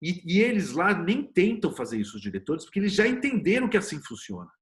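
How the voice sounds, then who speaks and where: Fast and with a voice that sits high, this Brazilian man talks as an interview guest, a screenwriter and series producer. His conversational explanations are opinionated and lively, full of rhetorical questions and quotes he performs as he tells stories.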